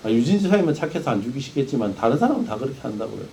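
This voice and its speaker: A man's voice: mid-range voice, very animated, very fast, dark tone, slight background noise. A male pastor preaching a sermon, firing rhetorical questions at the congregation.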